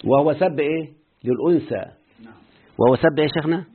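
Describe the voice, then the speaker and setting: A man with an Egyptian accent gives a quick classroom grammar lesson, repeatedly asking his students whether they understand. His voice is husky and breathy, and it comes through a narrow, phone-like recording. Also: fairly high pitch. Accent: Egyptian Arabic. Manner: quizzes students often with rhetorical questions. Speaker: Arabic grammar teacher. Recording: muffled phone-like lo-fi audio.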